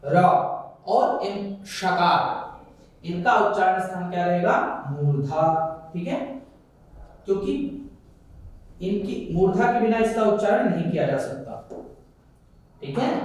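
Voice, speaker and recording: A man's voice: high-pitched, a little mellow. A man teaching a Sanskrit pronunciation lesson in speech, explaining step by step and often asking the class questions before he answers them himself. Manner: repeats sounds slowly and checks with "ठीक है". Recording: echoey room, voice from a distance.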